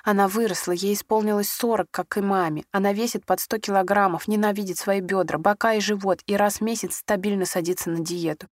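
A woman narrating an audiobook at a middling pitch, in a measured and expressive way. The recording is dry and close, with no room sound around her voice. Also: dry recording.

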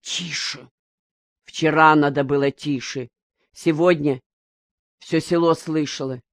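A woman's voice: deep voice, fairly even intonation, a little slow, no room sound, studio quality. A woman reading an audiobook, voicing a stern rural wife who answers curtly and scolds. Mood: reproachful. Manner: curt, scolding.

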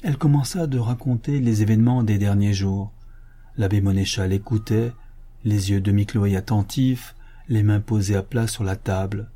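In a fairly low voice, a man reads a classic novel as an audiobook. His storytelling stays measured and even.

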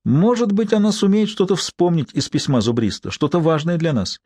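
A man reading an audiobook voices a male professor who argues calmly and persuasively. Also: on the high side, moderate pace, no echo, voice pushed up, close to an everyday voice.

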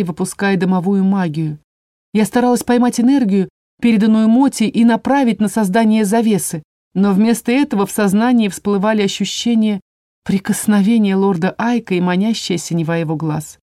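A woman narrating a first-person fantasy story in an even storytelling manner. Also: medium pitch, normal speed, dry recording, clean studio sound. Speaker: audiobook narrator.

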